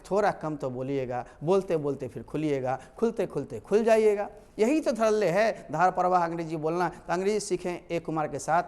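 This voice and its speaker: A man teaching a spoken English lesson online, energetic and emphatic as he drills pronunciation out loud. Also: high voice, smooth, long reverb tail.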